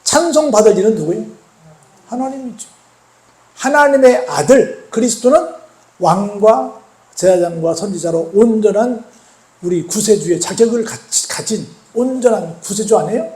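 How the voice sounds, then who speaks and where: Male pastor, high voice, sermon with questions to the congregation, echoey church hall. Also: lively intonation, moderate pace, a little mellow. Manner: retells scripture with questions to the congregation, dramatizing quotes. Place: church sanctuary.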